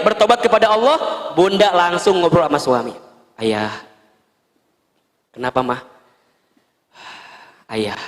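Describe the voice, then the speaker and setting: High-voiced Sundanese preacher in a hall. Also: male voice. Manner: lively storytelling, wide swings of pitch, playful asides. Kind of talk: sermon. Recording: long hall reverb.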